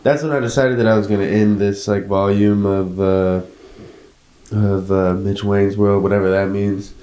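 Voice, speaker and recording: A man's voice: on the low side, little pitch movement, moderate pace, dark tone, roomy sound. A young man hosting a casual podcast chat, laid-back, swearing freely and laughing often. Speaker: podcast host.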